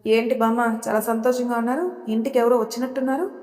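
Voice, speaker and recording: Woman doing a gruff young husband, curt and defiant, storybook tale, fairly high voice, long hall reverb. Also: steady tone, quick pace, a little mellow, close to an everyday voice. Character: rough-tempered young man, a reluctant new husband.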